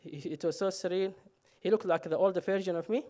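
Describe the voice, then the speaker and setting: A man tells his own story on stage in a fairly high voice. He jokes at himself and often stops on "uh". The talk stays loose and unscripted. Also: fairly quick, warm tone. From Somalia. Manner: humorous, self-mocking, frequent "uh" fillers. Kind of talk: live personal storytelling on stage.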